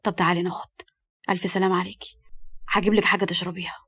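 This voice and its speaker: A woman doing a gentle, caring young man. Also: fairly low pitch, level tone, rapid-fire, vocal fry, slightly rough, exaggerated voice. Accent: Egyptian Arabic. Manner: gentle, protective.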